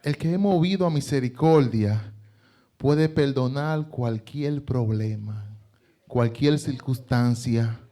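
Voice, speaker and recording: A man's voice: mid-range voice, slow, dark tone. A man preaching a sermon as pastor, retelling with emphasis and rhetorical questions.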